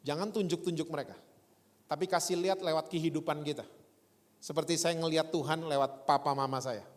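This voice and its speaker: A man preaching a sermon in a church, telling a lively story and acting out voices in his quotes. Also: fairly high pitch, fairly quick. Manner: animated storytelling with voiced quotes, speaks of his former stutter. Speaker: pastor. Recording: long church hall reverb.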